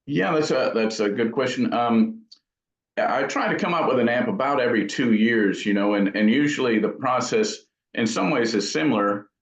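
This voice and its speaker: Interviewed as an amp builder, a man speaks casually at medium pitch and a moderate pace, giving thoughtful, meandering explanations. The room sound is dull and echoey.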